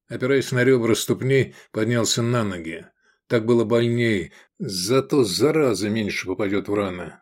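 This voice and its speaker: A man narrating an audiobook in a steady, measured reading. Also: on the low side. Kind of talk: scripted narration.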